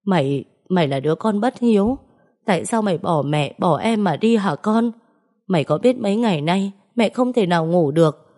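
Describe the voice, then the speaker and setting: A woman's voice: medium pitch, animated, moderate pace, dark tone, lightly acted. A woman voicing a grieving elderly mother who scolds her runaway son, wailing in reproach. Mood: distraught.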